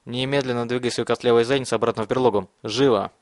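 A man voicing a stern teenage leader who gives calm, clipped threats. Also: mid-range voice, quick pace, no room sound, studio quality, close to an everyday voice.

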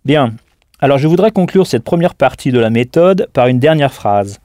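A man leads a recorded audio language lesson in a mellow, dark-toned voice. He speaks patiently and deliberately, and he spells words out letter by letter. The recording is close and dry. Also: medium pitch, expressive, dry recording. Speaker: language teacher.

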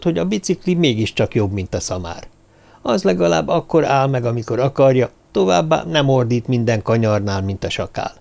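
A man's voice: medium pitch, gravelly, darkish tone. A man narrating an audiobook in a dry, wry storytelling manner. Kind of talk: scripted narration.

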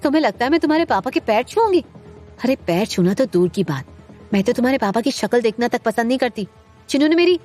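A woman voicing a hot-tempered young woman who speaks in a sharp, loud, indignant way. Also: mid-range voice, animated, fast talker, slightly rough, faint music behind. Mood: furious.

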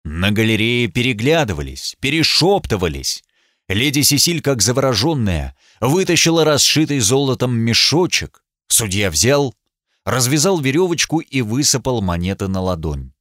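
A man narrating an audiobook in an expressive, animated reading voice, close to a studio mic. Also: mid-range voice, moderate pace, no echo. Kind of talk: scripted narration.

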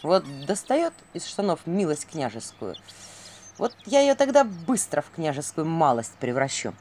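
A woman's voice: sits low, big pitch swings, measured pace, a little mellow, full character voice. A woman voicing a grumpy, jealous male owl sidekick with a grumbling, sardonic manner.

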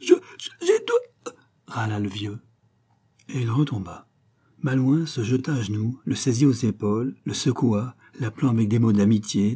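A man narrating a short story in a measured storytelling manner as an audiobook reader. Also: fairly low pitch, warm tone, husky.

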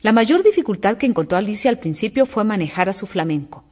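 A woman narrating a children's storybook aloud in an expressive storytelling manner. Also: medium pitch, fast talker. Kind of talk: audiobook storytelling.

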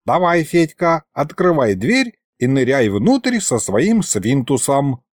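A man's voice: on the high side, very animated, slow pace, no echo, clean studio sound, full character voice. Man putting on a cranky old ghost wizard. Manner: cranky, shouting, folksy old sayings. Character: grumpy old male ghost wizard, quarrelsome.

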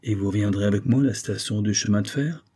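Brief: an obliging, nervous country farmer, read by a man, husky and mellow, storybook reading. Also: fairly low pitch, fast. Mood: puzzled. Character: humble middle-aged male farmer, nervous, obliging. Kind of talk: audiobook reading.

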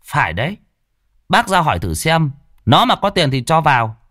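A man's voice: on the high side, big pitch swings, moderate pace, sharp tone, no room sound, studio quality, pitched above the performer's own voice, exaggerated voice. A man doing a whiny young card player. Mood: whiny urging. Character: young male gambler, complaining loser.

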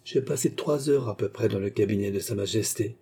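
A man's voice: on the low side, brisk, slightly rough. A man voicing a coy scheming countess. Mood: coy composed. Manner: coy, composed, quietly triumphant. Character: cunning, self-assured young woman, a scheming countess.

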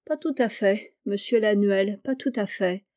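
Calm shrewd policewoman, read by a woman, gentle yet insistent, mellow low-key tone, storybook reading. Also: a little slow, close to an everyday voice.

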